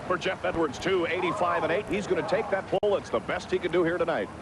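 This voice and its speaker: Male tractor pull announcer, slightly high-pitched, folksy TV sportscaster delivery, recorded amid very loud outdoor engine noise. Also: quick pace. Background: roaring vehicles outdoors.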